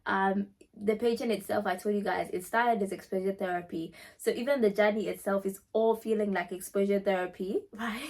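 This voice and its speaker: A woman with a mid-pitched voice talks casually to her audience as a vlog host. She addresses listeners directly and leans on repeated phrases to drive her points home, in an emphatic, conversational style. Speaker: pageant winner and vlog host answering questions. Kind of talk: casual chatty Q&A talk to viewers.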